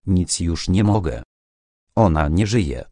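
A man's voice: low voice, animated, slow pace, gravelly, mellow, no echo, exaggerated voice. A man voicing a tense, wary young male archaeologist who gives short, guarded replies in an audiobook. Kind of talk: audiobook character voice.

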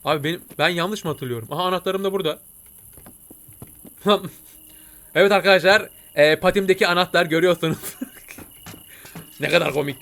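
A man voicing an excitable, jokey male cartoon cat who comments on a game and talks to his viewers. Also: high voice, brisk, gravelly, pauses often. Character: chatty male cartoon cat gamer, jumpy. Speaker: gameplay commentator. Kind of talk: let's-play commentary.

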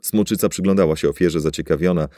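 A man reading a story aloud in a deep, dark voice. His narration is steady and dramatic, and the recording is dry and close. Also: quick pace, no echo. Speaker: audiobook narrator. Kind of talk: scripted narration.

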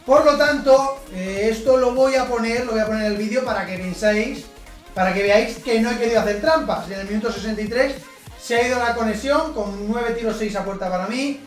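A man, a gaming YouTuber doing live gameplay commentary. He gets excited easily, shouts at big plays and groans often. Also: very high-pitched, fairly quick, roomy sound, distant mic, soft background music.

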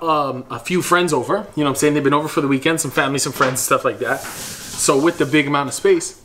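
A man's voice: medium pitch, a bit bright, slight background noise. A young man giving a casual house tour in a vlog, walking from room to room and talking in laid-back slangy banter on a camera mic. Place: rooms of a house, indoors.

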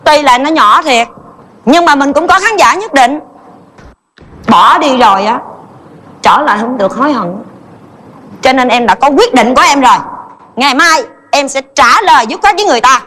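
An actress playing a worried wife and small-theater performer, talking anxiously in a stage comedy sketch. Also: female voice, high-pitched, lively intonation, normal speed, long pauses, pushed and bright. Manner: anxious, earnest. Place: television studio stage.

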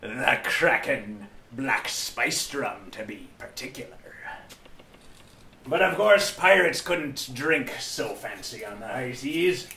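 A man's voice: mid-range voice, lively intonation, slow pace, sharp tone, slight background noise. A man hosting a comedic drinking and painting show, talking like a pirate the whole way through in a hammy put-on manner. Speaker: host. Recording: roomy echo, mic at a distance.

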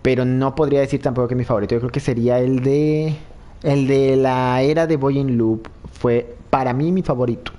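A man's voice: mid-range voice, steady tone, brisk, warm tone. A young man chatting casually and joking while he plays a video game, swearing at it now and then. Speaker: gaming youtuber. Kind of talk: casual gameplay commentary.

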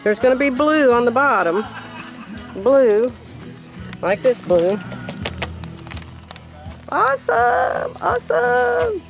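A woman's voice: sits high, sing-song, takes it slowly, vocal fry, pauses often, faint music behind. An older woman narrating a casual vlog, chatty and exclaiming often, laughing as she films outdoors at a building site. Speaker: vlogger. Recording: outdoor camera audio with noise.

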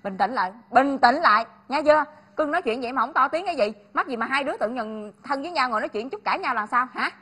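An actress playing a bossy older-sister figure who scolds and lectures two young men in a comic TV skit. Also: female voice, sits high, lively intonation, quick pace, hardly any pauses, bright, forceful tone, a little hiss or hum. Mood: scolding. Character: bossy older-sister woman breaking up a fight. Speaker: actor in a health skit.

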